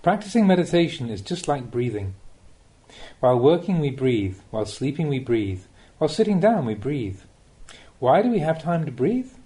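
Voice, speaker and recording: A male Buddhist monk narrates a scripted spiritual teaching as an audiobook, choosing his words deliberately and using rhetorical questions. His medium-pitched voice is very animated yet mellow.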